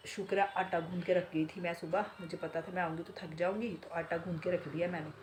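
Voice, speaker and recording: Relaxed chatty woman vlogging from home. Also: on the low side, fast, a little hiss or hum. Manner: chatty, relaxed, talks straight to viewers. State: sore throat from a cold. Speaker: beauty salon owner and vlogger. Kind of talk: casual home vlog chat. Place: home, indoors.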